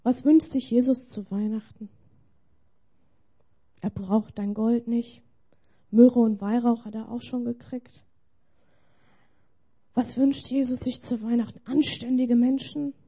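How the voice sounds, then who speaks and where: A woman preaching a Christmas sermon, measured and plainspoken as she tells a story to the congregation. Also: fairly high pitch, steady tone, warm tone, husky.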